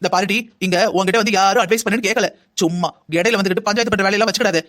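A voice actor playing an angry middle-aged mother in a cartoon drama, scolding in a rapid-fire way. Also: mid-range voice, steady tone, a bit bright, close to an everyday voice. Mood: furious. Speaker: bride's mother.

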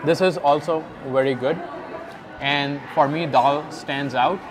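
The recording is rough: a young food vlogger with a fairly high voice speaks slowly into a lapel mic amid restaurant chatter. He gives casual narration, describing each dish as he eats it.

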